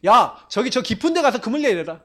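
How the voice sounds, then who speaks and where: A man voicing Jesus during a sermon, giving firm, solemn commands in a lowered voice. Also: sing-song, a little fast, bright, forceful tone, exaggerated voice. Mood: commanding.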